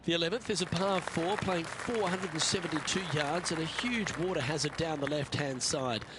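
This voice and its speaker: A man's voice: fairly high pitch, normal speed, noisy background, lightly acted. A man speaking as a golf commentator, giving play-by-play as the lead announcer of a tournament broadcast. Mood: composed. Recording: loud crowd and outdoor ambience behind.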